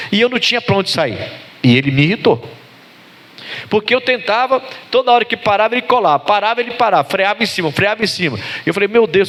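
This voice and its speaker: High-voiced Brazilian pastor preaching. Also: male voice. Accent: Brazilian Portuguese. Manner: storytelling, swings from low calm to high emphatic. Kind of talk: sermon.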